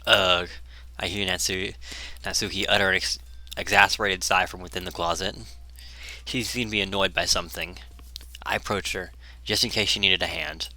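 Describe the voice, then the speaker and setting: A man's voice: deep voice, fairly even intonation, brisk, bright, forceful tone. A man reading a visual novel aloud and commenting on it, often stumbling over words and restarting. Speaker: game player reading aloud.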